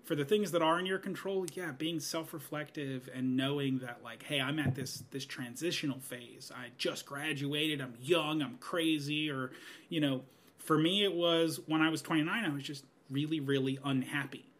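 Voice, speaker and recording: A man in his thirties talks through life lessons as a podcast guest, earnest and a little rambling. His voice is bright and forward and sits slightly high for a man. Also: fairly even intonation, normal speed. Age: 30s. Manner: earnest, rambling, many "you know"s. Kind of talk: reflective podcast conversation.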